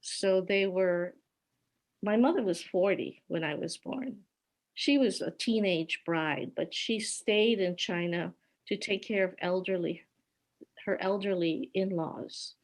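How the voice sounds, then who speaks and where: An older woman from Hawaii, a guest on a video call, telling her life story unhurriedly and stopping now and then to sort out her slides. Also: medium pitch. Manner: unhurried, stops to sort out her screen share. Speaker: interview guest.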